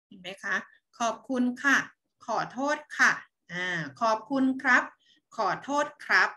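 Slow, bright-voiced woman teaching small children. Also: a little high. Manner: slow, sing-song, coaxing teacher talk. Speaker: kindergarten teacher. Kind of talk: online lesson for young children.

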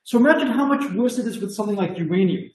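This mathematics lecturer, a middle-aged man with a Boston accent, talks fast and animatedly in a voice that sits high, the sound reverberant. He's presenting a math conference talk by video call, eager and chatty, with frequent "you know"s.

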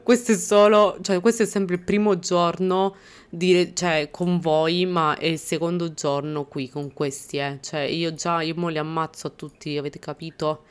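A woman's voice: on the low side, steady tone, moderate pace, smooth. A young woman hosting a casual let's-play, talking over her game and scolding the characters with mock exasperation. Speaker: gaming channel host.

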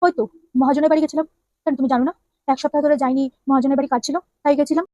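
A woman's voice: sits high, fairly even intonation, very fast, a little mellow, dry recording, close to an everyday voice. A woman voicing a harried husband who keeps making defensive excuses in a comedy skit. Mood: pleading. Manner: pleading, defensive.

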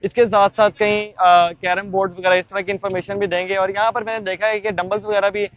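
The voice sits high and a bit bright, delivered flatly and fast by a young vlogger with a Pakistani Urdu accent. He chattily walks viewers through a sports market and shop, frequently using fillers and restarting. The audio is dull, with no room sound.

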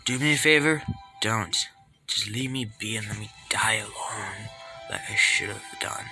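A brooding male hedgehog, acted by a man who grumbles and sulks through every line in a plain mid-range voice. He sounds reluctant and put-upon, with a sullen edge. Music plays clearly behind him. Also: mid-range voice, expressive, measured pace. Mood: gloomy. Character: gloomy sulky male hedgehog. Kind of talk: plush toy skit acting. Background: background music.

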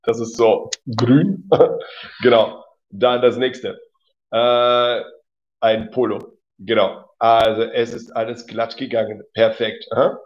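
A man's voice: mid-range voice, level tone, slow pace. A man teaching German in a casual livestream, reading out viewer comments, correcting them and laughing easily. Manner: chatty, reads out and corrects comments, laughs often. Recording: slightly dull lo-fi audio.

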